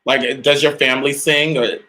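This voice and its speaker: A man's voice: mid-range voice, flat delivery, normal speed, sharp tone. A man hosting a casual live-stream interview, hyped and repetitive, calling out to viewers as y'all. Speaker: host.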